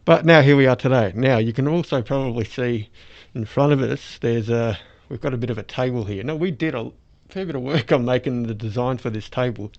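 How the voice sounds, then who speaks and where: A brisk, mid-range male voice belongs to a toothless Australian man chatting as a podcast host. Behind a face mask he explains things in a casual, rambling way with soft-edged speech, recorded with dull lo-fi sound.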